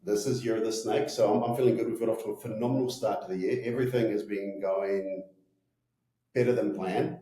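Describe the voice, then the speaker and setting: A man's voice: on the low side, steady tone, fairly quick, mellow, roomy sound, low-quality recording. A man in his forties with a broad New Zealand accent, talking informally in an interview and often checking in with "right?". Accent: broad New Zealand (Kiwi). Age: 40s. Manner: informal, peppers talk with "you know" and "right?". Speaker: company executive being interviewed. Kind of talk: casual interview talk.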